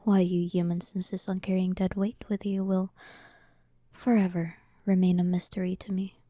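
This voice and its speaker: A woman playing a dominant, sarcastic demon queen in a roleplay audio drama, soft-voiced, teasing and condescending. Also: on the low side, flat delivery, normal speed, no room sound, studio quality, close to an everyday voice. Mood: smug, condescending.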